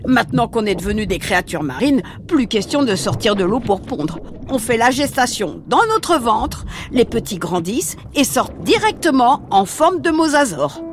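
A woman's voice: fairly high pitch, big pitch swings, normal speed, few pauses, background noise. A woman playing a brash, voracious mother mosasaur in a children's audio adventure, sassy and exclamatory. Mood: teasing, breezy.

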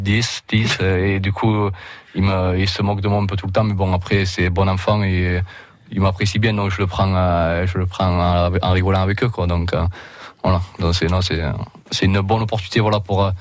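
Appearing as a guest on the radio, a rugby league player in his thirties talks casually in a Roussillon French accent, hesitating and restarting constantly. His voice sits low, and the recording has no room sound.

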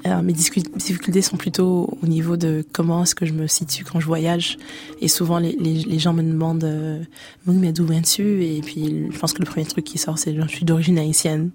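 A woman's voice: low-pitched, level tone, brisk, dark tone, faint music behind. A woman from Canada, a musician guest on a radio interview, talking with frequent restarts and fillers. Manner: hesitant, many restarts and fillers.

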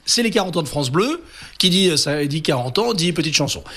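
A man's voice: fairly high pitch, expressive, fairly quick, a bit bright. A man hosting a casual radio interview, chatty and teasing with his guest. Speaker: radio host and reporter.

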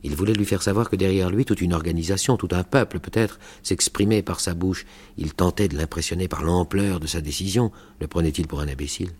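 A man reading a novel aloud for radio in a measured, grave way. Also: low-pitched, a little mellow, husky. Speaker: reader.

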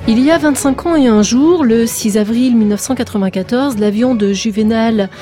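A woman's voice: fairly high pitch, moderate pace, over music. A woman hosting a radio theatre show, reading a formal, literary, emphatic scripted introduction and then interviewing a guest. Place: radio studio.

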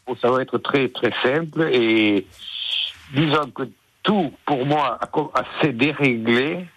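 A man's voice: mid-range voice, takes it slowly, no room sound, highs cut off. Insistent man phoning in to radio. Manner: insistent, repeats his warnings. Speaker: radio show caller. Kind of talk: phone-in opinion on a sports radio show.

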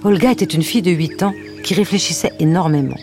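Woman gently reading a children's story. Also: lowish voice, fast, soft background music. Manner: gentle, wry narration with asides.

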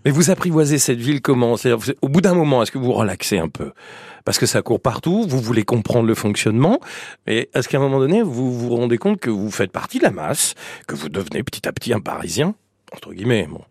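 Man from Auvergne, radio host, husky voice, fast talk, very animated pitch. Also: no echo, clean studio sound. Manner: quick, lively questioning, laughs readily. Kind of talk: interview questions.

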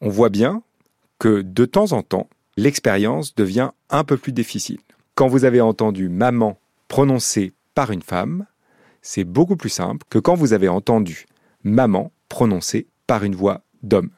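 Man, professor, calm measured explainer, scripted narration, breathy voice, dry close sound. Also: on the low side, no echo. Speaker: psychology professor.

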